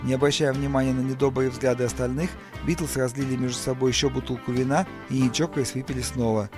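A man reading an audiobook in a measured, lightly ironic storytelling manner. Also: medium pitch, level tone, music in the background. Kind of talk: audiobook narration.

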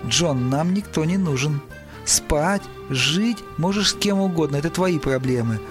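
A man's voice: on the high side, lively intonation, over music. A man doing a wry, level-headed young musician. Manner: sardonic, measured.

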